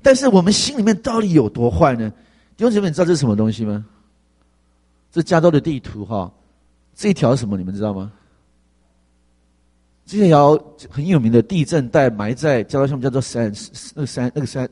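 A man's voice: medium pitch, sing-song, fairly quick, pauses often, warm tone. A man preaching a sermon, telling a story and asking the congregation rhetorical questions, with frequent fillers.

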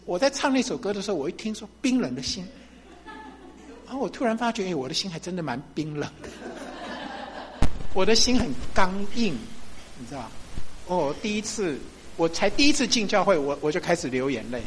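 一位中年男牧师在讲道中分享自己的见证，语气随意，常常笑，口头语很多。. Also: male voice, sits high, very animated, fairly quick, a little hiss or hum. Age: middle-aged. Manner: chatty, laughs often, frequent fillers. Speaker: pastor. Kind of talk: sermon testimony.

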